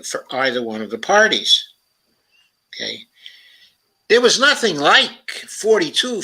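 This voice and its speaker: A man's voice: fairly high pitch, bright, forceful tone, slightly rough, rough recording. A man hosting a casual livestream talk show, thinking aloud and often dropping in "okay" and "uh" as he goes. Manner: thinking aloud, unhurried, sprinkles "okay" and "uh" through sentences. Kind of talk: casual livestream commentary, reading viewer comments.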